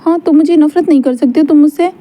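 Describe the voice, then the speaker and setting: A woman's voice: sits high, quick pace, mellow, voice pushed up, natural voice. A woman voicing a young male superstar who begs and pleads over and over in a whiny way. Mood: pleading.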